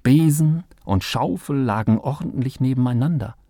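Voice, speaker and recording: A man narrating a children's audiobook in a slow, lively storytelling manner. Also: medium pitch, dry recording, studio quality.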